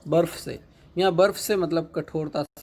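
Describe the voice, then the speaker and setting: A male teacher giving a patient, repetitive lecture, reading each line of an English poem slowly and then explaining it in Hindi. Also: on the high side, fairly even intonation, a little mellow.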